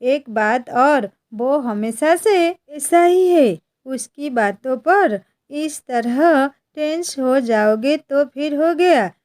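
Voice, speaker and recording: A woman's voice: high-pitched, lively intonation, extremely slow, a little mellow, heavily acted. A woman voicing a breezy, easygoing young wife in a storybook reading.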